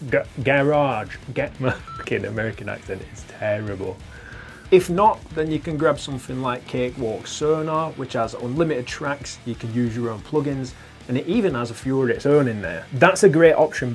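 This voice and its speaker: Young british dude chatting guitar gear to camera, swears a lot, laughs at himself. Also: male voice, mid-range voice, a little mellow. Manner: chatty, swears casually, laughs at his own jokes. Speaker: guitar channel host. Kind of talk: casual gear talk to camera.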